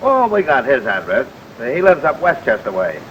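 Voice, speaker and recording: An actor playing a blunt, self-assured police sergeant in a 1930s film, talking in plain slang. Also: male voice, mid-range voice, huge pitch swings, moderate pace. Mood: businesslike. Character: cocksure, deferential, plain-spoken American police sergeant. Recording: dull, hissy 1930 film soundtrack.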